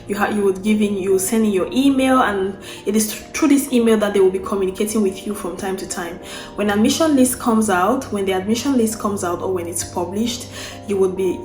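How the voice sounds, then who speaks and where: A young woman from Cameroon talks casually through a step-by-step process, restarting and repeating herself as she works out each point. Her voice sits at a medium pitch and rings in an echoey room. Faint music plays underneath. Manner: unscripted, with restarts and repeated phrases while explaining steps. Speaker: vlogger. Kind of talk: casual explainer talk to camera.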